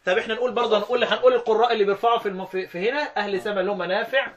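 A man with an Egyptian Arabic accent leads a lesson on Quran recitation, and his voice sits notably high. He chants each verse slowly, then drops into brisk spoken explanation. He keeps firing short questions at his students. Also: steady tone, fairly bright tone, slight background noise. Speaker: teacher of Quran recitation readings. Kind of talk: interactive lesson, quizzing students.

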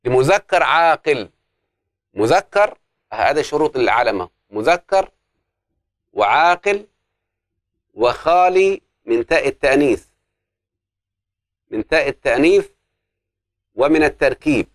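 A man teaches a classroom grammar lesson. He works through the rules step by step and keeps asking the class questions that he answers himself. His voice sits at an ordinary pitch and sounds dry and close. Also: lively intonation, unhurried, long pauses, no room sound.

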